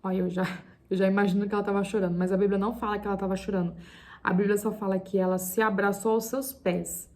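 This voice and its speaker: A woman's voice: medium pitch, level tone, fast talker, darkish tone. Chatty woman talking through a Bible story. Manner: chatty and emphatic, reads scripture aloud then comments, laughs at herself. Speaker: Bible teacher on video. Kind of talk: casual Bible study talk to camera.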